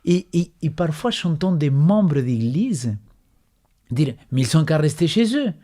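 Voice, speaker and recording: A man's voice: a little high, sing-song, unhurried, dark tone. A man on a Bible study panel who tells anecdotes with emphasis and often repeats words as he talks. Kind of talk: religious panel discussion.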